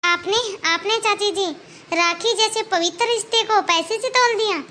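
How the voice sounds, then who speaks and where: A woman's voice: very high-pitched, moderate pace, pushed and bright, a little hiss or hum. A woman voicing an earnest young married woman in a cartoon, talking with a reproachful tone. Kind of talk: Hindi cartoon voice acting.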